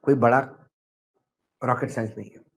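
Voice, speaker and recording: A middle-aged man commenting on politics in an animated way, telling stories with acted quotes. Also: mid-range voice, normal speed, creaky. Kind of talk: political discussion.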